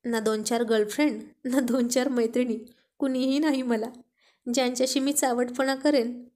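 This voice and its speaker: Brief: woman narrator voicing a teasing young husband in an audio love story, high and playful. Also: fairly even intonation, normal speed, a little mellow, close to an everyday voice.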